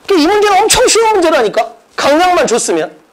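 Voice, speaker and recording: High, lively, emphatic exam-prep teacher. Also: quick pace, low-quality recording. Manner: emphatic, drilling repetition, rhetorical questions; casual informal speech to students. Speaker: academy director. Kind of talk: mock exam explanation lecture.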